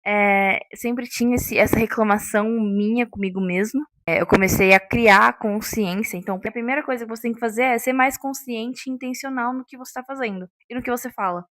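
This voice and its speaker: A young woman talks off the cuff in a casual vlog. Her voice sits a little high, and she keeps checking in with her listeners. The sound is dry and close, with no room around it. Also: fairly quick, few pauses, fairly bright tone, dry recording. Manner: chatty, checks in with listeners often. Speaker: vlogger. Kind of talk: unscripted casual vlog talk.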